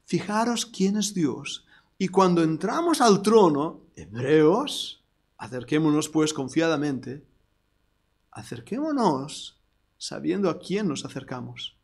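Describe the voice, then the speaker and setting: High-voiced Spanish preacher, emphatic. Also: male voice, slow pace. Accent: Spain Spanish. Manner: animated preaching, bursts into loud emphatic lines, jokey asides to the congregation. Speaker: pastor. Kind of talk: sermon. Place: church service before a congregation.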